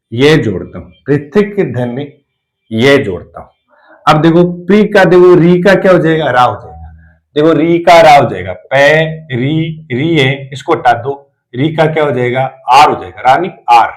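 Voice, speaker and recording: A man's voice: a little high, low-quality recording. A male lecturer explaining spelling rules in a classroom lesson, repeating each rule and asking rhetorical questions.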